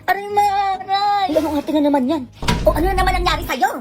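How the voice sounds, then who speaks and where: A woman's voice: very high voice, fast talker. A woman acting in a comedic family skit, bickering and whiny. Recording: music playing behind.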